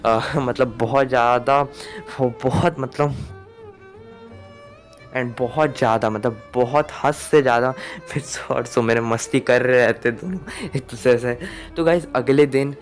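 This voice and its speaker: A man's voice: mid-range voice, steady tone, a little slow, faint music behind. A young man telling a homemade story in a loose, casual way. He stumbles, restarts and fills gaps with ums. He keeps speaking directly to his viewers. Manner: hesitant, filler-heavy, talks to viewers as guys.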